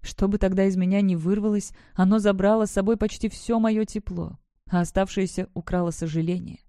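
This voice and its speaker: An expressive audiobook narrator reads a first-person novel with a dramatic touch, in a mellow, unforced, smooth mid-range voice at a slightly quick pace. The recording is dry and close, with no room sound.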